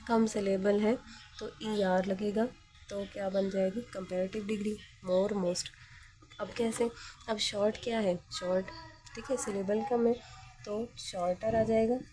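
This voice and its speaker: A woman teacher with a soft, mellow tone walks students through a grammar lesson step by step. She keeps a patient pace, posing questions and then answering them herself. Her pitch sits right in the middle for a woman. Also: steady tone, a little slow.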